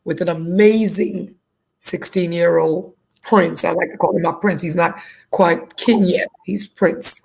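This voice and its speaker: A woman from Guyana talks about her fitness classes in a casual interview over a video call. Her voice sits a little low and she stays upbeat, often circling back to restate what she just said. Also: fairly even intonation, unhurried, creaky, darkish tone, breathy edge. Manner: upbeat, repeats herself while explaining. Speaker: fitness instructor, guest.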